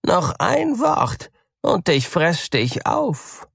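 A man's voice: on the high side, huge pitch swings, slow, creaky, no room sound, clean studio sound, pitched above the performer's own voice, heavily acted. A man voicing a greedy, sly female cat in a fairy tale, with a smug, sweet-talking manner. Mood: threatening.

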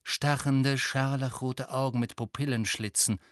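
A man narrating an audiobook in a lively, expressive storytelling manner. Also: mid-range voice, measured pace, no echo, studio quality. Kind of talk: dramatic audiobook reading.

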